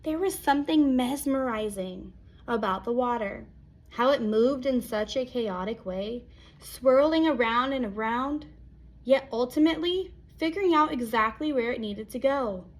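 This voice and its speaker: A woman storyteller with a high voice gives an expressive picture-book read-aloud. She's animated, acting out exclamations and leaving dramatic pauses.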